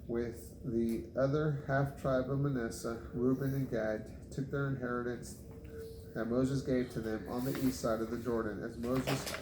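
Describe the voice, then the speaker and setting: A man reads scripture aloud from the Bible in a halting way, his pitch even and unvaried, stumbling over difficult, unfamiliar names. The recording is echoey and roomy, with clear background noise.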